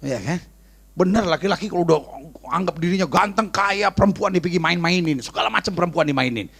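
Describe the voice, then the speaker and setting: A man's voice: high-pitched, animated, quick pace, gravelly, fairly bright tone, breathy edge. A male pastor preaching a humorous, storytelling sermon to a church congregation, tossing in English phrases and calling out to the crowd.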